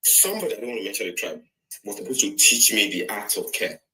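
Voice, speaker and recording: A man's voice: on the low side, very animated, quick pace, pushed and bright, low-quality recording. A man from Nigeria with a Nigerian accent, calling into a live stream and telling his story emphatically. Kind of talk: casual call-in chat.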